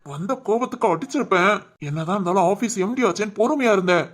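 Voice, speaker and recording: Woman doing a gentle, steady young man. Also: medium pitch, fast talker, close to an everyday voice. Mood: soothing. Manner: soothing, firm. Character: calm protective young man, office worker.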